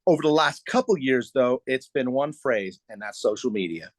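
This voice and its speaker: A man's voice: medium pitch, animated, moderate pace, no echo. A middle-aged man, a real estate agent, explaining at ease with fillers as a podcast guest. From United States. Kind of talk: podcast interview.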